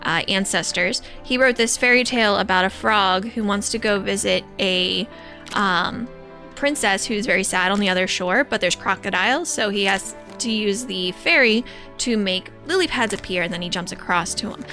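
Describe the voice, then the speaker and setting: A woman's voice: mid-range voice, normal speed, bright, forceful tone, faint music behind. A woman giving chatty, giggly commentary as she plays a game. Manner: chatty, giggly, easily delighted. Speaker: gamer.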